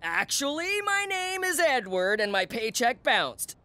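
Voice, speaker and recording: A woman voicing a deadpan, resentful male servant in an adult cartoon. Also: high-pitched, measured pace, heavily acted.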